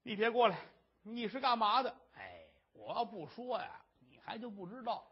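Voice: medium pitch, sing-song, moderate pace, breathy edge. A storyteller putting on a smug villain boss. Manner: smug, coaxing, laughing. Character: gloating lecherous gambling-den boss. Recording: dull lo-fi recording.

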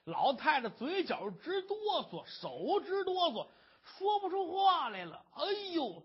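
Man storyteller, dramatic narration, lo-fi recording, husky. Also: extremely high pitch. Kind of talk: traditional storytelling performance. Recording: dull lo-fi recording.

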